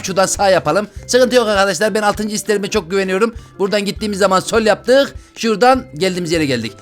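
A man giving let's play commentary, his voice sitting high and eager. He talks fast and excitably, exclaiming and joking with his viewers. Faint music plays underneath. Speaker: gaming channel host.

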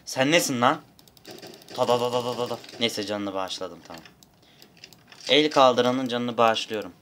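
A man's voice: mid-range voice, unhurried, a little hiss or hum. A young man giving rambling, casual gameplay commentary and swearing now and then, at a desk mic. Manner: rambling, swears, shouts in bursts. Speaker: gamer.

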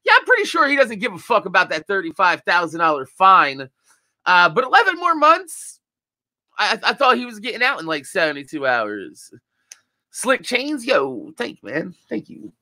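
A man's voice: high-pitched, wildly swooping pitch, normal speed, pushed and bright, no room sound. A young man with a groggy morning voice, chatting casually to his live-stream viewers in a laid-back, rambling way with plenty of swearing. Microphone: desk mic.

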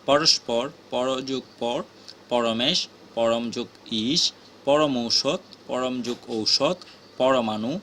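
Slow man reading a grammar list. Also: mid-range voice, a bit bright, slight background noise. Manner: slow, measured drilling of word pairs. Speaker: teacher.

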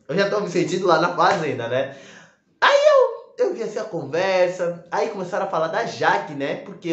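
A man giving an excited, campy gossip recap, switching into put-on voices. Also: mid-range voice. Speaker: gossip vlogger. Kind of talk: excited reality-show recap. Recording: echoey room, slightly dull sound.

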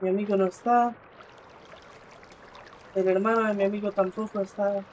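Talking at a normal speed in a steady, darkish tone, a streamer narrates his play casually amid a slight hiss or hum. He speaks to both his viewers and the character he controls, swinging from exclamations to low muttering.

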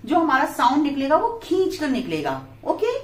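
A woman with an Indian English accent teaching a preschool phonics lesson at a blackboard. She spells each word out letter by letter and then says it crisply. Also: high voice, huge pitch swings, moderate pace. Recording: echoey room.

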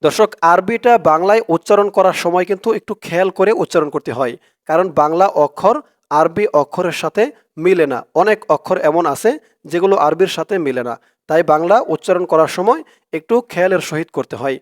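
High, smooth-voiced man teaching recitation. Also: no echo, studio quality. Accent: Bangladeshi Bengali. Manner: slow, drawn-out chanted recitation between plain explanations. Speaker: religious teacher. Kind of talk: recitation lesson.

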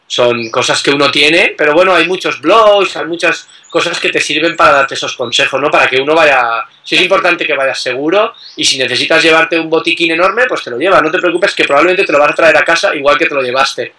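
A man chatting casually as a guest about travel, relaxed, with many fillers and tag questions. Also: a little high, brisk, few pauses, slight background noise, poor audio. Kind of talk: casual conversation.

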